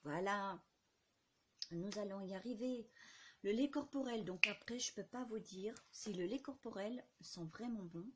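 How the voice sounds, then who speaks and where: A woman talks through her shopping haul in a loose, chatty vlog style, pausing often on fillers and stumbling over product names. Her voice sits at an ordinary middle pitch, with a faint noise in the background. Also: a bit bright. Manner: chatty, hesitant, many fillers; unsure when pronouncing product names. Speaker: vlogger.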